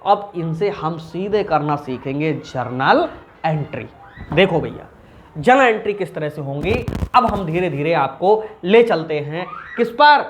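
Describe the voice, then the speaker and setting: A man's voice: a little high, lively intonation, unhurried, slight background noise. A male commerce teacher giving an accounting lesson at a board, chatty, asking questions and answering them himself. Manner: chatty, asks and answers his own questions.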